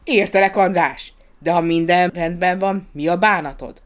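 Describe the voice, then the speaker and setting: A reader voicing a loud, well-meaning middle-aged country gentleman in a dramatized audiobook, speaking in a booming, hearty way. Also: steady tone, natural voice. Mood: eager. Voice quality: booming and repetitive.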